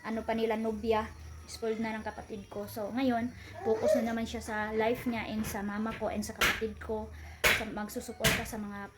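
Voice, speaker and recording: A young woman vlogging at home, talking straight to her viewers as friends. Her voice sits a little high, and she rambles on with plenty of fillers. Clear background noise runs under the whole recording. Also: level tone, moderate pace. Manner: chatty, addresses viewers as friends, many fillers. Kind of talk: casual family vlog.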